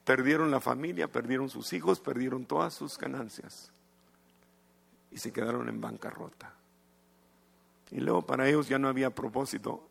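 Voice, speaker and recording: A male pastor preaching an evangelistic sermon, swinging from hushed to shouted and slipping in English phrases. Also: medium pitch, fairly even intonation, normal speed, creaky, long pauses. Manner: mixes English phrases into his talk.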